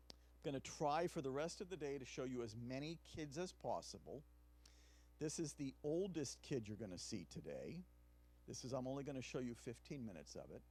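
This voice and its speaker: Speaking into a handheld mic in a conference room, a middle-aged clinical psychologist leads a workshop in a conversational lecture style, now and then questioning the audience. He has a mid-range, somewhat mellow voice.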